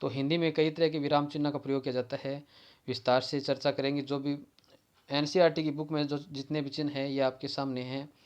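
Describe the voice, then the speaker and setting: A man teaching an exam-prep grammar lesson with a tinge. His voice sits a little high and stays fairly level in pitch. He repeats key terms and often pauses to restart a word. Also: flat delivery, darkish tone, smooth.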